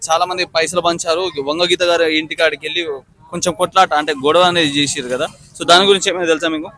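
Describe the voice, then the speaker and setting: Male vlogger doing street interviews, high voice, probing questions. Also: fairly even intonation, fast, pushed and bright.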